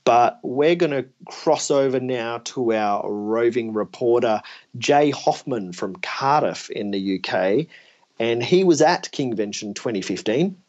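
A man's voice: medium pitch, expressive, a little slow, darkish tone, dull audio. A man hosting a podcast in a casual, chatty style. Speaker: podcast host. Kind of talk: casual chat.

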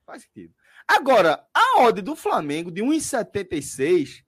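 A man's voice: high voice, huge pitch swings, moderate pace, a bit bright, slightly rough, dry recording, clean studio sound. A man hosting a casual betting podcast in slangy, sweary colloquial speech. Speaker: podcast host.

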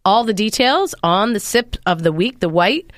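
A woman's voice: medium pitch, lively intonation, normal speed, dry recording, studio quality. A woman hosting a wine segment in casual chat, upbeat and explaining plainly, a little congested from sinus trouble. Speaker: wine show host.

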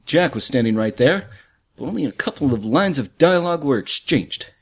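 A man playing a tabletop role-playing game, chatting off the cuff in a playful, jokey way and thinking out loud. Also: mid-range voice, animated, normal speed, creaky. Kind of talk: casual improvised game-table chat.

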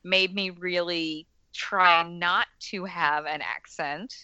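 A woman with a slight Southern accent riffs through a movie commentary at an unhurried pace. Her voice is bright, and she laughs easily and swears without thinking. The recording sounds dull and lo-fi, close and dry. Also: on the low side, fairly even intonation, smooth, no room sound. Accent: slight Southern American. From American South. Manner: laughs often, swears freely, trails off. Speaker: podcast co-host.

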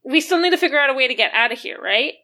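Woman, high pitch, bright, tabletop player, informal in-character chat, matter-of-fact. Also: expressive, racing. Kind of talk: casual in-character game chat.

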